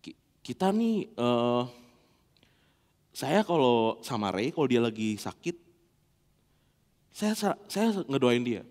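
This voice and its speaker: Animated pastor preaching in a hall. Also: male voice, mid-range voice, slow pace, pauses often. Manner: animated, playful, acts out dialogue. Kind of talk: lively sermon with humorous anecdotes. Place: church.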